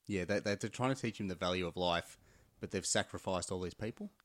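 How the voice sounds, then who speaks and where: A man's voice: sits low, brisk, no echo, clean studio sound. A man co-hosting a casual podcast chat, mostly chiming in with short agreements.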